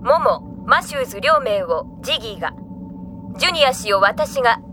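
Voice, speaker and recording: Woman playing KOS-MOS, a composed, high-voiced battle android. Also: animated, background noise, close to an everyday voice. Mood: calm, reporting. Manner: formal, measured, emotionless machine-like delivery. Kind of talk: Japanese sci-fi game voice acting.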